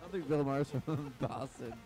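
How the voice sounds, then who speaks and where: A man's voice: mid-range voice, normal speed, warm tone, faint music behind. A man co-hosting a podcast, stammering and throwing out goofy wisecracks. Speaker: podcast co-host. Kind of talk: crude casual banter.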